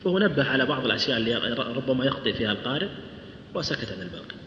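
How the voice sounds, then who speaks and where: A man lectures a class on Quran recitation, talking fast and asking his students questions. He recites verse slowly as he goes. The sound is dull and lo-fi, with a long echo from a large hall. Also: mid-range voice, big pitch swings, a bit bright. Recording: echoey hall, dull lo-fi sound, faint hum.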